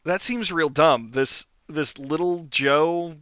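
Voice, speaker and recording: A man's voice: on the high side, slow, fairly bright tone, clean tone, dry recording, muffled recording. A man co-hosting a podcast in casual chat, joking dryly and swearing. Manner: dry, profane joking. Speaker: podcast co-host.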